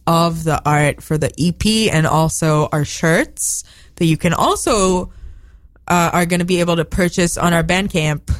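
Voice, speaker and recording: A woman musician from Israel with an Israeli accent, chatting as a guest on a radio show, bubbly and quick to laugh. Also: on the low side. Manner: bubbly, laughing, rapid asides. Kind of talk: casual interview chat. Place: radio studio.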